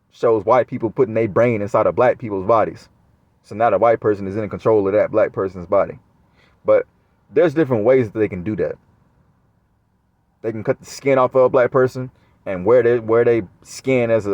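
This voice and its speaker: A man's voice: fairly low pitch, a little mellow, no echo, highs cut off. A man talking straight to his viewers in a casual monologue, rambling and swearing often. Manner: profane, rambling. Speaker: vlogger.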